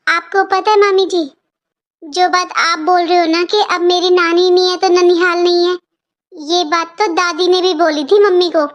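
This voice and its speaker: A woman's voice: very high voice, level tone, moderate pace, muffled recording. A woman voicing a young, outspoken girl in a cartoon, talking in an earnest, pleading way. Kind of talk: cartoon voice acting.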